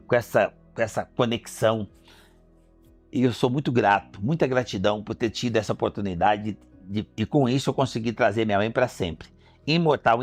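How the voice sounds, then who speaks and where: A man's voice: medium pitch, a little mellow. A middle-aged Brazilian man, an entrepreneur, telling a heartfelt personal story with emotion and acting out remembered conversations. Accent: Brazilian Portuguese. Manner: emotional, acts out remembered dialogue.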